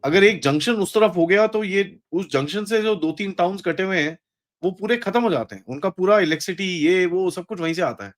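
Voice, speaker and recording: Animated Indian man, mid-high voice. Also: fairly quick. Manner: animated, mixes English phrases, acts out quoted speech. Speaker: guest analyst. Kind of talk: casual political discussion.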